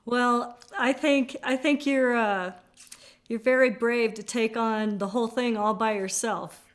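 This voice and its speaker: A woman folk singer chatting before her song in a soft, hesitant way that trails off. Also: fairly high pitch, fairly even intonation, a little slow. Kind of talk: casual chat before a song. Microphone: video call. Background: acoustic guitar.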